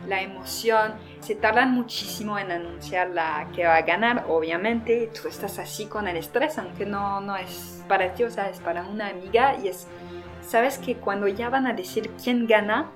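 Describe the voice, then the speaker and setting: A young woman from France telling a personal story about competing in a beauty pageant in a casual, lively way. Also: medium pitch. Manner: lively, quotes herself and others in acted voices. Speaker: former pageant contestant.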